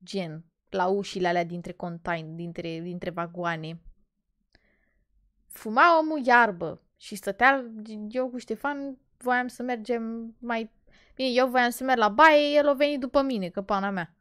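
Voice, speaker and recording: A young woman from Romania streaming, ranting casually and sarcastically with dramatic swings between muttering and loud outbursts. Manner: exasperated, sarcastic, dramatic swings in loudness and pitch. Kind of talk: casual rant.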